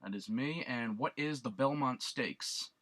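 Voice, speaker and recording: Beeping retro game music plays loudly behind a let's play gamer as he casually goes through a quiz game. Speaking a little slowly in a medium-pitched voice, he reads each clue aloud and jokes about what he guesses.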